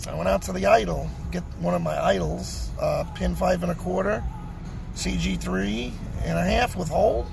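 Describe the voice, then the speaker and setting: Sitting in his car, a middle-aged man who bowls and vlogs talks casually into a phone held at arm's length. His voice is high-pitched with vocal fry, and he repeats phrases to drive his points home.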